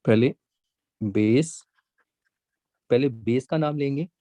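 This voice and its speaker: A man teaching a math lesson, patiently repeating each point and stretching key words out slowly. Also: medium pitch, dark tone, no echo. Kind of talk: classroom lesson, mixing Hindi and English.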